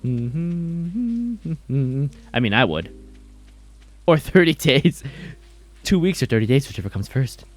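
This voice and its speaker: A male streamer telling stories in casual chat while gaming, animated and swearing freely. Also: medium pitch, slow, soft background music.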